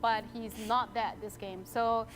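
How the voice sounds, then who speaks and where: A woman's voice: on the high side, steady tone, measured pace, faint music behind. A woman giving casual analysis as a player in a game. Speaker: player in a social deduction game show.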